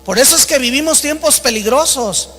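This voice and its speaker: High, bright-voiced Mexican man preaching in a hall. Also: lively intonation, a little fast. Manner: emphatic preaching, acts out quoted exchanges in a raised voice. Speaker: pastor. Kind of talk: sermon. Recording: long reverb of a large hall.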